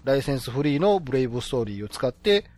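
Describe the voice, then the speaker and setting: A man hosting a casual chat show, relaxed and wrapping up the episode. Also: medium pitch, rapid-fire, faint music behind. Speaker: podcast host.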